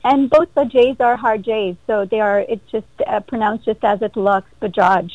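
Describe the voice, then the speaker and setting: A woman who grew up in India, a guest calling in, speaking in an earnest, measured way. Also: a little high, a little mellow, no echo. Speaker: guest, executive director. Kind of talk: casual interview over a call. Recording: dull phone-call audio.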